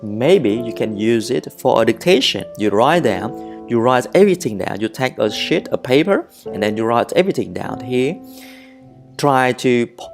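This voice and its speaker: A French teacher who talks very slowly through a grammar lesson, switching between French and English. Each phrase is repeated and corrected patiently. Soft guitar music plays faintly behind the voice. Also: mid-range voice. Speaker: language teacher. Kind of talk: slow bilingual grammar lesson.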